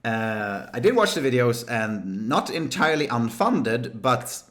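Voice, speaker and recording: A man's voice: mid-range voice, very animated, a little slow, a bit bright. Young man, laughing and exasperated. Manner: laughing, exasperated exclamations, swears freely. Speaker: podcast host. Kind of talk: casual podcast chat.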